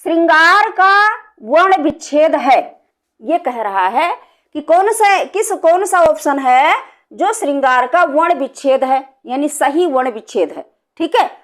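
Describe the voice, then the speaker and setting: A woman's voice: high voice, animated, a little slow, fairly bright tone. A woman teaching a Hindi grammar lesson for exam preparation. She explains step by step and keeps repeating key terms with a checking "okay".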